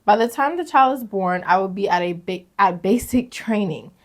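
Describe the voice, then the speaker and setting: A young woman co-hosting a casual podcast, reading confessions aloud, animated and slangy, laughing often. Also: mid-range voice, normal speed. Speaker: podcast co-host.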